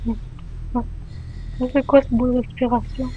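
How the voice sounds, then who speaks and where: A woman giving excitable gameplay commentary as a streamer, full of sudden exclamations. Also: on the high side, moderate pace, slight background noise. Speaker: gaming streamer. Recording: dull lo-fi mic.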